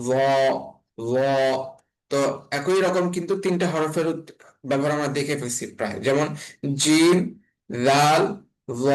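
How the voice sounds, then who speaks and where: A man from Bangladesh teaching an online class on letter pronunciation, speaking slowly and repeating each sound several times. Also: a little high, rough recording. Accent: Bangladeshi Bengali. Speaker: Quran reading teacher.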